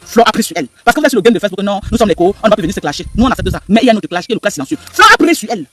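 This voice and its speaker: Fast, high, bright-voiced man ranting. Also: expressive, slight background noise. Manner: emphatic, repetitive, rhetorical questions to viewers. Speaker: live stream commentator. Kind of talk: animated live stream commentary.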